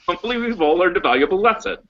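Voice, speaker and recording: A man's voice: animated, very fast, bright, forceful tone, highs cut off, a little hiss or hum. A man playing a tabletop game, joking with the table. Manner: joking, wildly swinging pitch. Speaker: player.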